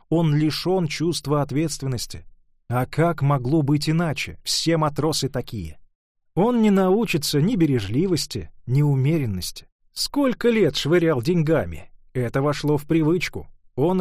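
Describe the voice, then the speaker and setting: A man voicing a proper middle-aged mother who lectures her daughter in a measured, disapproving way. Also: fairly high pitch, a little mellow, dry recording, studio quality, lightly acted.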